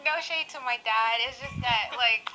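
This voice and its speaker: A woman's voice: on the high side, normal speed, poor audio. A woman in a casual group game, talking in a breezy, chatty way. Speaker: game contestant. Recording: clip with faint music.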